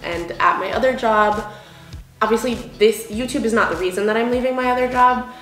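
A young woman, a beauty vlogger, chats through a casual get-ready-with-me video while doing her makeup, her voice a little high and fairly bright at a moderate pace. She's chatty and full of fillers, a little sniffly, and muses about her worries. A camera across an indoor room films her, so the sound is reverberant, with faint music behind.

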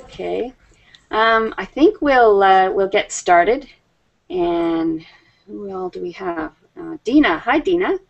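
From her home, a woman in her fifties teaches English online by webcam video call, patient, friendly and often laughing as she talks slowly with her students. She has a medium-pitched, animated, creaky voice and speaks slowly, and the recording sounds dull.

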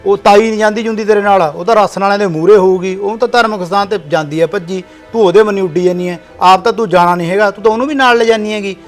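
A man's voice: high voice, rapid-fire, few pauses, soft background music, close to an everyday voice. A man playing a grown village son, scolding and bossy in tone. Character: grown village son organizing flood relief. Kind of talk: village short film acting.

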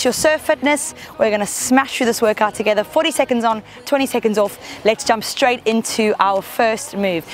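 Upbeat high-voiced woman coaching a workout. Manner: upbeat, encouraging, counting down reps. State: slightly out of breath while exercising. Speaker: fitness instructor. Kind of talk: guided workout instruction. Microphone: headset or clip-on mic close to mouth.

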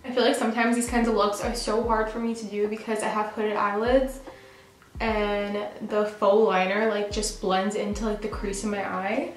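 A woman's voice: medium pitch, level tone, moderate pace, a little hiss or hum. Chatty young woman in echoey bathroom. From New York. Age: young adult. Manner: chatty, lots of "like" fillers. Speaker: beauty vlogger. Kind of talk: get-ready-with-me chat. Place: bathroom at home.

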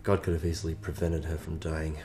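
A man's voice: very deep voice, monotone, fairly quick, faint music behind. An actor playing a troubled witness who doubts his faith, speaking in a subdued, weary way. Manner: subdued, weary, soft-spoken.

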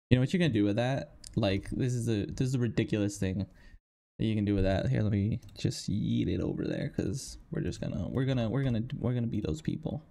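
A man streaming live gameplay and talking through it in excitable, casual gamer slang. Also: medium pitch, gravelly.

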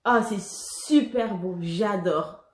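A woman vlogger chatting casually and excitably while unboxing skincare products, laughing often and using many fillers. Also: mid-range voice, slow. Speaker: beauty vlogger. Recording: echoey room.

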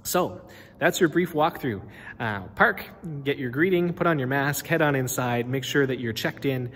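A man in his thirties who is a pastor gives a casual walkthrough video of an empty church, filming on a phone at arm's length and talking with many fillers and restarts. His mid-range voice is a bit bright and moves at normal speed, set against the hall's reverb, faint ambience and slight background noise.

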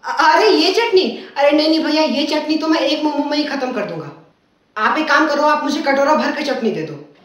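A man's voice: very high voice, expressive, normal speed, fairly bright tone. Young man as a pushy chutney-hungry customer, whiny demands, recorded from afar in a roomy space. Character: greedy male customer demanding endless chutney. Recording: roomy, from far off.

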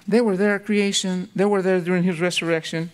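A male pastor with a high-pitched voice preaches a sermon, telling the story dramatically. He swings between loud outbursts and hushed, slow stretches, repeating words when he gets excited.

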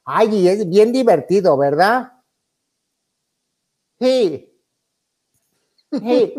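A woman's voice: mid-range voice, expressive, very slow, dark tone. A woman with a Mexican accent telling a funny anecdote in a casual chat. She acts out the voices of the people in her story and laughs often. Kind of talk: casual anecdote among friends.

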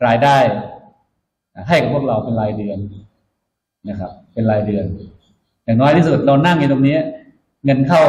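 A man's voice: mid-range voice, darkish tone, a little hiss or hum. A man speaking as a military officer to new recruits, instructive and emphatic, repeating his key points in a motivational orientation speech. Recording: echoey room, dull muffled sound.

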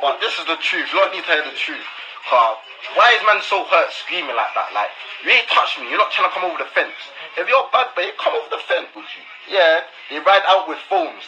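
A man's voice: mid-range voice, bright, forceful tone, dull audio, a little hiss or hum. A young man ranting defiantly to camera in casual chat, rambling and full of slang.

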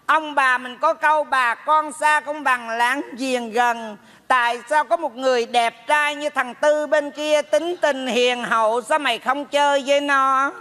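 A man voicing a scolding elderly mother in a staged comedy sketch, nagging slowly. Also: extremely high pitch, steady tone, bright, forceful tone, exaggerated voice. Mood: lecturing. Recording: reverberant stage hall.

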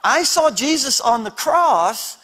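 High-voiced male pastor in a reverberant hall. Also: animated, slow pace, sharp tone. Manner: storytelling, humorous and down to earth; emphatic repetition. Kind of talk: conference sermon. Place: church conference hall.

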